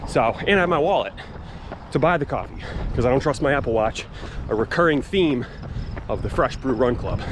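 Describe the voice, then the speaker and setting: A man's voice: mid-range voice, animated, fairly quick, pauses often. Man vlogging while jogging, noisy street. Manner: self-deprecating, joking. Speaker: running vlog host. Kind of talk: casual vlog chat to camera. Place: outdoors on suburban streets and paths. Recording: noisy outdoor street recording with traffic.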